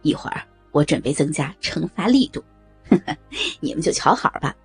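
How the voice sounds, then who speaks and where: A woman's voice: deep voice, lively intonation, moderate pace, husky, soft background music, pitched below the performer's own voice, heavily acted. A woman reading a story and voicing a sly young man who teases and coaxes the others into a drinking game. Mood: cheerful. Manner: teasing, coaxing.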